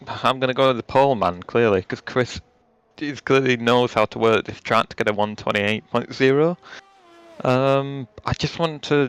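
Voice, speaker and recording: A man co-commentates a sim race in a casual, grumbling way. His voice is smooth and clear, recorded close and dry with no room sound. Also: mid-range voice, fairly bright tone, dry recording.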